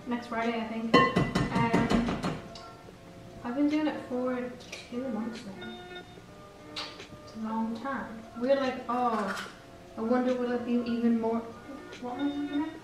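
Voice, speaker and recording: Filmed by a camera on the far side of her home kitchen, a teen vlogger chats casually as she bakes, rambling and correcting herself. Her voice is a little high. The distant mic catches a roomy kitchen echo, and music plays underneath.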